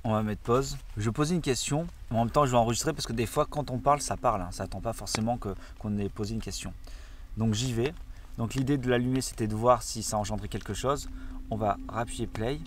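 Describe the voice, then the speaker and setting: A young man narrating a paranormal investigation from a tent in a forest, explaining each step eagerly and often dropping to a hush. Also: mid-range voice, fairly quick, slight background noise. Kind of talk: casual on-location narration.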